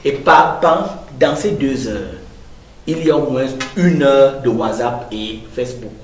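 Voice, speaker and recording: A man, giving an interview in an emphatic, rhetorical way. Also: a little slow. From Cameroon. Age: 30s. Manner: emphatic, rhetorical, sweeping pitch swings. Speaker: company director, interview guest. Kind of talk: interview talk. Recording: echoey room with faint noise.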